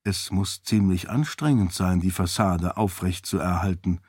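A man voicing a quiet young nobleman who speaks in a hushed, dry way. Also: low-pitched, a little slow, breathy edge, no room sound.

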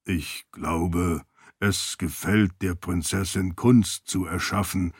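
A man voicing a non-human spirit-servant, speaking slowly in a deep, grave and measured voice. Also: steady tone, slightly rough, dry recording, studio quality, heavily acted. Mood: solemn.

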